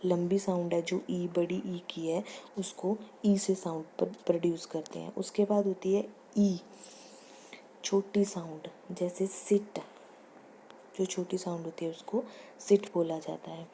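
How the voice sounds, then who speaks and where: A woman teacher giving a recorded lecture on pronunciation, reading lines slowly and explaining them in Hindi. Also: on the low side, flat delivery, dark tone, a little hiss or hum. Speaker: teacher educator.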